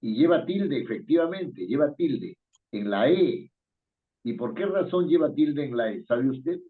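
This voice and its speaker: A man's voice: fairly high pitch, lively intonation, measured pace. A man teaching an online spelling class, patient and questioning, chuckling now and then. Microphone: video call. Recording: tinny phone-like call audio.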